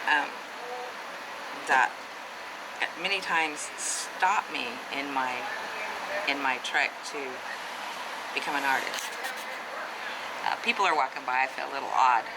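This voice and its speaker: A woman's voice: rumbling low, measured pace, long pauses, heavy background noise. A woman in her fifties, an artist vlogger, talks casually into a handheld camera at a neighborhood deli store, hesitant and full of ums and restarts. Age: 50s. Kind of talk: casual vlog monologue.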